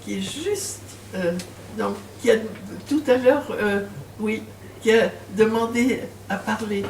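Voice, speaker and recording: Speaking slowly with vocal fry, this older woman author has a darkish voice on the high side. She answers as a guest at a bookshop event with an audience, hesitant and full of fillers, laughing when recounting stories. Sound is roomy and distant with faint background noise.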